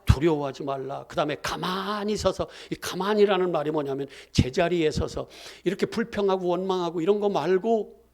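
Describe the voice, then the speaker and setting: A man preaching a sermon as pastor, throwing questions at the congregation and answering them himself in a lively call-and-response style. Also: high-pitched, fairly quick.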